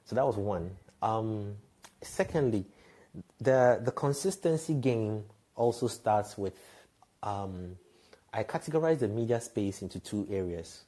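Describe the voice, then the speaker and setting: Guesting on a podcast, a radio and TV presenter from Ghana in his 30s shares frank, reflective stories in a low, warm, expressive voice at a slightly slow pace. He chuckles lightly at himself as he talks candidly.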